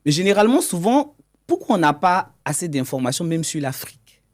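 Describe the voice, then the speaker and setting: A man's voice: fairly high pitch, very animated, fairly quick. Man explaining, repeating words as he goes. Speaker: economic intelligence consultant and guest. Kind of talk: conversational explanation in an interview.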